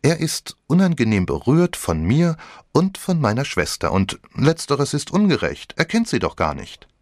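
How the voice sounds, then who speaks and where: A man's voice: lowish voice, sing-song, moderate pace, fairly bright tone, dry recording, clean studio sound, voice pushed up, exaggerated voice. A man doing a cheeky, theatrical teenage girl. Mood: mock-dramatic. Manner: teasing and theatrical. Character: cheeky, flippant girl of about seventeen.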